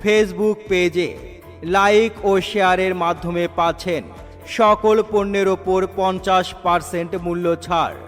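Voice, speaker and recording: A man with a high voice announces an advertisement in a loud, formal loudspeaker style. A long, hall-like echo trails his words over faint music. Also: steady tone, a little slow. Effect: echoing loudspeaker-style announcement sound. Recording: long reverb with music underneath.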